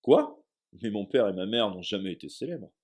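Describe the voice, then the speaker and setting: A man's voice: fairly low pitch, fast talker, husky. A man reading aloud, voicing a bewildered young boy who asks hesitant, stammering questions.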